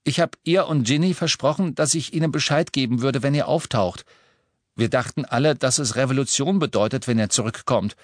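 A man's voice: mid-range voice, brisk, dry recording, pitched above the performer's own voice, natural voice. A man voicing an earnest, determined teenage boy in an audiobook.

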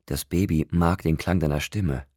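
A man voicing a quiet, intense young man in an audiobook, speaking in a hushed and halting way. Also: sits low, fairly even intonation, husky, dry recording, clean studio sound. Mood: awed.

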